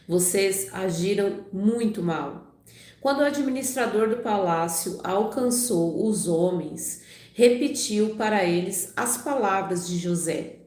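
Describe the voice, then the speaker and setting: Speaking in an echoey room, a woman with a medium pitch and a somewhat mellow tone hosts a livestream. She alternates between reading the Bible aloud and chatting informally, with many "né" and "tá bom." She is recovering from a cold, and her voice is a bit off.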